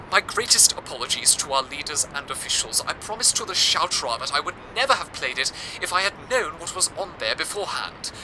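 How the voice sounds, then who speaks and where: In an audio drama, a man plays an earnest, deferential radio presenter, delivering formal, theatrical scripted lines in an apologetic mood. His voice is on the high side, very animated and fairly quick, with a noisy background.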